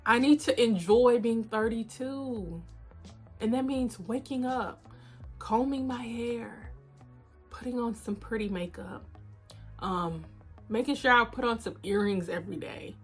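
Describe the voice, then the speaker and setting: A woman's voice: a little high, measured pace, slightly rough, soft background music. A woman in her thirties talking candidly and casually to her viewers, calling them y'all, filmed on a phone camera. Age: 30s. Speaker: vlogger. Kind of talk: casual confessional chat to viewers.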